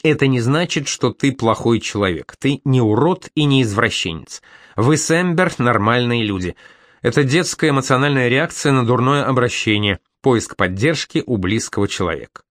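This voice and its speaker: Picture a man putting on a soft-spoken woman therapist in an audiobook, asking patient yet insistent questions in a raised, lighter tone. The voice sits close and dry, with no room sound around it. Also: mid-range voice, animated, normal speed, no room sound, lightly acted. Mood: gently probing. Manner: gentle but insistent questioning. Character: calm, probing female therapist, middle-aged. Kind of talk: audiobook reading.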